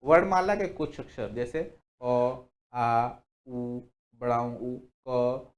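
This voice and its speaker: A male teacher in his younger years, giving an exam-prep grammar lesson at a medium pitch. He keeps putting questions to his class and answers them at once. He reads out long lists of examples slowly, one word at a time. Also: fairly even intonation. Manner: asks the class questions and answers them himself, repeats "ठीक है" often.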